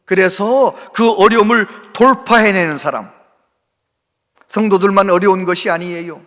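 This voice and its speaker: A man preaching a sermon as a pastor, impassioned and swinging between loud exhortation and hushed speech, often asking the congregation questions. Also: high voice, big-room sound. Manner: asks the congregation questions and calls for replies. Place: church sanctuary with long reverb.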